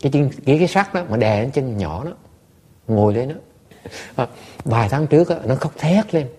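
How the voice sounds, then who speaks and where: A man, a Buddhist monk teacher, telling stories to listeners in an animated, laughing way with many stammered repeats. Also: mid-range voice, brisk, husky. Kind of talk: storytelling talk to listeners.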